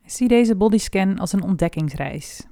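A woman leading a guided body scan meditation, speaking slowly and softly with long pauses. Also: medium pitch, no echo, studio quality. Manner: slow, soft and calm with long pauses.

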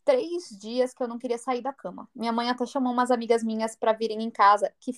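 A woman's voice: on the high side, fast talker. A Brazilian woman telling a personal story in casual chat, acting out the voices in what she quotes. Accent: Brazilian Portuguese. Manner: animated, acts out quoted dialogue. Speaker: storyteller guest.

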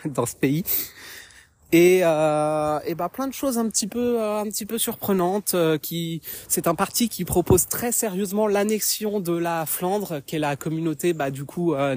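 A slightly high-pitched man from France talks casually as he walks through a small wood outdoors. He hesitates often and fills gaps with filler sounds. He records it as a voice message on his phone. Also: darkish tone. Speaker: podcast contributor. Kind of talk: casual spoken commentary.

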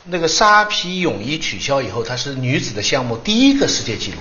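A man commenting on a studio talk show, retelling stories in an expressive, animated way. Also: mid-range voice, a little fast, reverberant, muffled recording.

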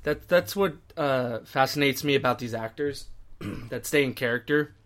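A young man co-hosts a casual podcast with a clear, bright voice at a middle pitch. He talks eagerly and with strong opinions, often filling pauses with "um" and "uh". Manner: enthusiastic, opinionated, uses many fillers. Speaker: podcast co-host. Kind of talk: casual chat.

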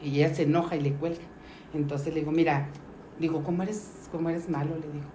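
A woman's voice: low-pitched, fast. Mexican woman telling a story in a roomy room. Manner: lively, acts out the voices of people in her story. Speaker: podcast guest. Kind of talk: casual storytelling. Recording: roomy recording with faint noise.

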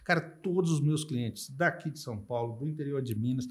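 A man's voice: medium pitch, fairly quick. A middle-aged man from Brazil telling his own story in casual podcast chat, emphatic, asking "you know?" after his points. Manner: emphatic, fillers like "cara" and "entendeu".

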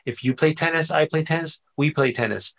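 A middle-aged man from Austria talks as a guest in a relaxed interview. His voice is low-middle, gravelly and a bit husky. He tells stories with plenty of energy and keeps checking in with his listener. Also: fairly quick. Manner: animated storyteller, frequent "right?" and "you know" tags. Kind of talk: casual conversational interview.

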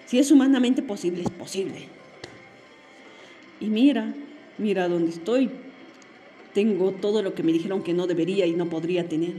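A woman speaks in a warm, mellow voice of middling pitch. She tells her own story in an earnest, emotional monologue. A soft bed of music plays faintly behind her. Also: normal speed, pauses often. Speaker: podcast host. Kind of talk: personal monologue.

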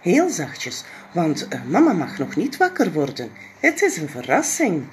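A woman voicing a little boy who talks high and excitedly in a storybook read-aloud. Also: measured pace, a little hiss or hum. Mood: hushed eager. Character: little boy Jip, eager and tearful.

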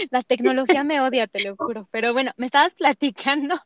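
A woman's voice: high voice, moderate pace, no echo, highs cut off. Chatty Mexican woman hosting. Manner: chatty and encouraging. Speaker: host. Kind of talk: casual interview chat.

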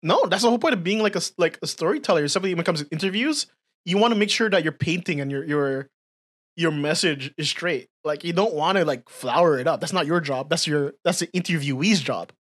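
Speaking quickly and expressively in a lowish voice, a twenty-something woman with a slight Filipino accent co-hosts a casual podcast. The content creator explains her points emphatically.

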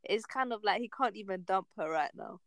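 A woman's voice: medium pitch, animated, brisk, creaky, fairly bright tone, no room sound. Slangy young woman podcaster. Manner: slangy, rambling, leads the topics. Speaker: podcast co-host. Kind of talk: casual chat.

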